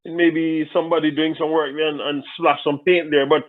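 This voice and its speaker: A man's voice: a little high, flat delivery, a little fast. A man from Jamaica, answering interview questions thoughtfully and often restarting his sentences. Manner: thoughtful, with frequent restarts and repeated words. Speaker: interview guest. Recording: tinny phone-line audio.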